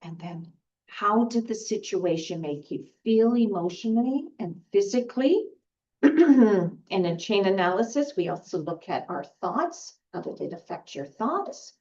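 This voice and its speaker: A woman facilitator teaching a skills lesson, guiding gently with fillers and restarts. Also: mid-range voice, lively intonation, unhurried. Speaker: group facilitator. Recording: dull lo-fi recording.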